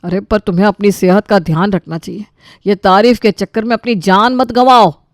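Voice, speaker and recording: A voice actor playing a gentle, teasing old father-in-law in a cartoon story. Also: high voice, steady tone, normal speed, dry recording, studio quality. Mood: concerned.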